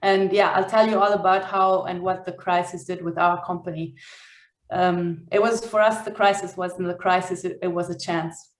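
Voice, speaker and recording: A woman from Austria, a startup co-founder, speaking on a panel in a brisk, practical way with frequent fillers. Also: on the low side, fairly even intonation, roomy sound. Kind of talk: panel talk.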